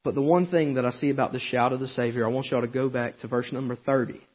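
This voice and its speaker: Preacher guy, husky and kinda high, hollers then goes real soft, muffled church tape. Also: steady tone, fast. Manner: preaching, swings from hollering to quiet and intimate. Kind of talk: Southern Baptist-style sermon. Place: church sanctuary.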